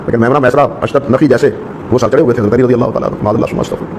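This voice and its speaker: A man with a Pakistani Urdu accent giving a calm, explanatory religious talk. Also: mid-range voice, slight background noise. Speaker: religious speaker in a played clip.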